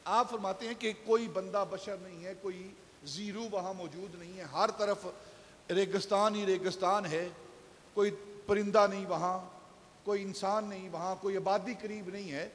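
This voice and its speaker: A man's voice: high voice, steady tone, in a large hall, a little hiss or hum. A man giving a Friday sermon, telling stories and rising to emphatic peaks. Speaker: pastor. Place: shrine mosque hall.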